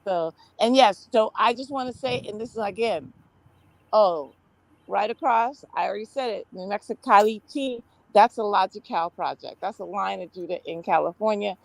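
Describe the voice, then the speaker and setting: A woman's voice: medium pitch, moderate pace, creaky, no room sound. A woman giving casual religious testimony in Rasta speech, exclamatory and rambling, often repeating her words. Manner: Rasta speech, with "ites", "overstand", "big up" and "brethren".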